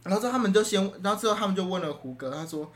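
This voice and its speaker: A man's voice: high-pitched, expressive, very fast. A young man telling a rambling school story in casual chat, restarting often and laughing as he talks.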